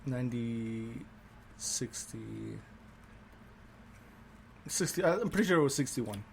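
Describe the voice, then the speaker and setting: A man's voice: mid-range voice, expressive, brisk, slight background noise. A tipsy man co-hosting a casual podcast chat, rambling and chuckling as he talks and swearing freely. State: tipsy from drinking. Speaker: podcast co-host; musician.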